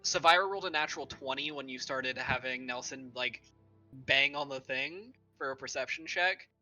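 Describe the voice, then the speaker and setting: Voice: medium pitch, moderate pace, sharp tone, soft background music, poor audio. A game master narrating a tabletop game in a loose, filler-heavy way.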